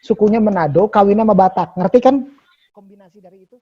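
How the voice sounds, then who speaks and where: Brief: man hosting, husky higher voice, dark and muffled sound, emphatic and animated. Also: quick pace. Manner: animated, probing questions, emphatic repetition. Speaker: host.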